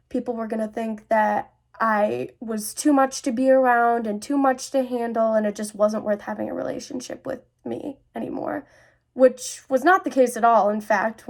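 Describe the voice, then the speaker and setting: A young adult woman hosts a personal talk to camera about mental health, sharing her own experiences earnestly and confidingly. Her voice is a little high, with vocal fry.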